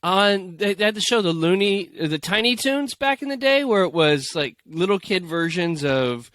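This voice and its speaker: A man's voice: high voice, sing-song, moderate pace, fairly bright tone, no echo. A man co-hosting a podcast in casual, jokey chat, reading stories aloud and slipping into playful voices. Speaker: podcast co-host.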